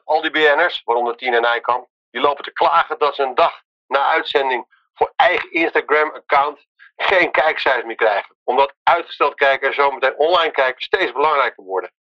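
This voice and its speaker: A man's voice: on the high side, highs cut off. A man leaving an upbeat, chatty voicemail for a colleague, played back from a phone. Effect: leaving a voicemail, heard played back.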